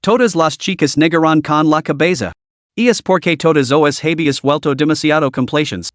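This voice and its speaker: A man narrating a comic-style fantasy story summary in a steady, even storytelling manner. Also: a little high, dry recording, studio quality.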